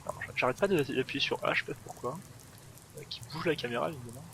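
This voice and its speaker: A man's voice: medium pitch, fast talker, fairly bright tone, slight background noise. A man hosting a gaming video, giving casual gameplay commentary in a rambling way full of fillers and self-corrections.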